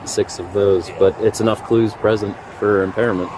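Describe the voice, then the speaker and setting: A man's voice: fairly low pitch, steady tone, normal speed, a crowd in the background, poor audio. A male police officer who speaks firmly and matter-of-factly, reading out legal warnings and explaining procedure. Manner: firm, matter-of-fact.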